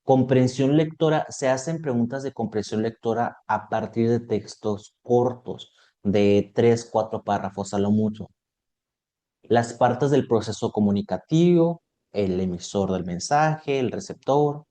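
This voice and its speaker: A man's voice: mid-range voice, unhurried, mellow. A man teaching an online exam prep lesson, explaining topics step by step and checking in with his students.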